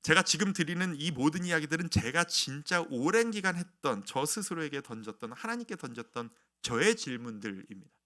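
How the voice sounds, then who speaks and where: A man's voice: fairly high pitch, sing-song, brisk, hardly any pauses, sharp tone. A male pastor in his thirties preaching a sermon, telling stories and acting out his own past prayers.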